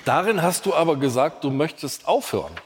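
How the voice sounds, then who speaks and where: A man from Lower Saxony co-hosting a live podcast on stage, dry and playful as he runs the show. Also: lively intonation, fairly quick. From Lower Saxony, Germany. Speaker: podcast co-host. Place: large concert hall before an audience. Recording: hall reverb with faint noise.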